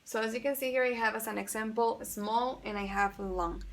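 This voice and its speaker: A woman with a gravelly, fairly high voice teaches a bilingual grammar lesson as an English teacher, switching between Spanish and English. She speaks at a normal speed in a steady tone, patiently explaining step by step and repeating examples.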